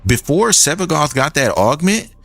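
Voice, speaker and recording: A man's voice: a little high, big pitch swings, normal speed, vocal fry, a bit bright, a little hiss or hum. A young man streaming a game and chatting in a loose, rambling way, full of restarts and "like". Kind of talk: casual gaming commentary.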